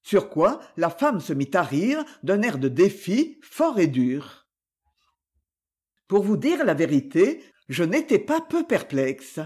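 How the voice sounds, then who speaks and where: Un homme qui lit un roman à voix haute, une narration écrite et expressive à la première personne. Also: male voice, high voice, slow pace, breathy edge. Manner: expressive first-person reading. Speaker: audiobook reader. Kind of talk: scripted narration.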